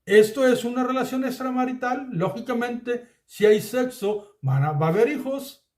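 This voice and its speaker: A man's voice: extremely high pitch, animated, normal speed, darkish tone, roomy sound. A man teaching a Bible study sermon in Spanish, earnest and addressing his listeners as beloved.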